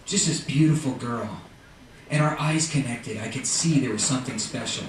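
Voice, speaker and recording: A middle-aged man doing a stand-up comedy routine at a live venue, animated and acting out characters in quick voices. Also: medium pitch. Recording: echoey distant live room mic with noise. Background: audience laughter.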